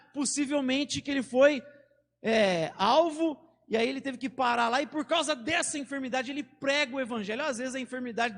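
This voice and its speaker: A man's voice: very high-pitched, a bit bright, in a large hall. A man with a Brazilian Portuguese accent preaching a sermon as pastor, talking in a conversational way with stories and casual slang. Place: church sanctuary.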